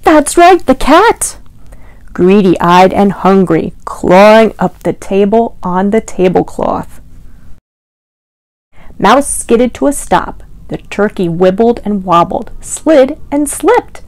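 A woman children's librarian reads a picture book in an animated, sing-song storytime voice and pauses to ask the little listeners questions. She takes her time over every line, unhurried and deliberate. The sound is dry and close, with no room echo. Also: mid-range voice. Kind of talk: storytime read-aloud.

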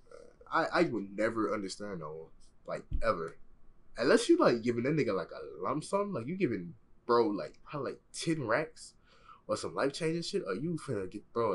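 Slangy young man reacting, husky voice. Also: lowish voice. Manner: profane, slangy, rambling with many likes and bros. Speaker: reaction video host. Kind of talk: casual reaction commentary.

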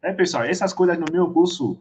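A man teaching a live online language lesson, drilling words through slow repetition, switching between two languages and chuckling often. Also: high voice, a little mellow, highs cut off. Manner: switches between French and Portuguese. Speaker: French teacher.

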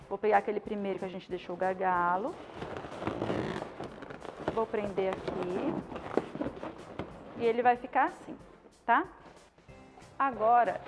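A Brazilian woman in her thirties gives an informal hands-on tutorial, often adding short checking questions. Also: fairly high pitch. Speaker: balloon decoration instructor. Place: indoor studio with balloon wall. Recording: music playing under the voice. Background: clear background music.

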